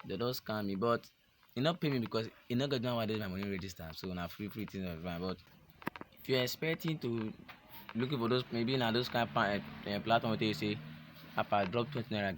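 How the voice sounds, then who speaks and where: A man's voice: fairly low pitch, fairly quick, noisy background. A young Nigerian man chatting casually to his vlog audience, joking and rambling, slipping into pidgin. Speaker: vlogger. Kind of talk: casual chat to camera.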